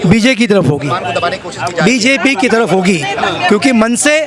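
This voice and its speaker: A man from Maharashtra speaks in a very high voice, driving each point home with emphatic repetition. He is answering questions in a street interview. A crowd murmurs loudly behind him outdoors. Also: expressive, moderate pace.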